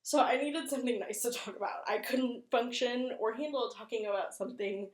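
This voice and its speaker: The host of a horror video channel, a woman with a voice on the high side, gives brisk, casual commentary that is chatty, rambling and self-deprecating. The room sound is roomy and echoing.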